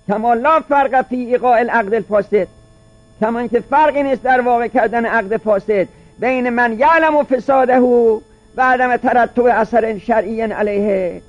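A man with a strikingly high voice teaches a seminary class, reading out lines of a classical legal text and then unpacking them in relaxed everyday speech. He often repeats a point in several ways to drive it home. The recording is dull and lo-fi. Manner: reads Arabic text aloud, then explains it in colloquial speech.

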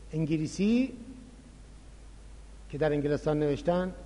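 A man delivers a religious lecture in a fairly high voice. He explains his points with animated emphasis. The recording has a long hall reverb behind him. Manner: explanatory, animated, acts out quoted dialogue. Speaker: lecturer on Quran recitation.

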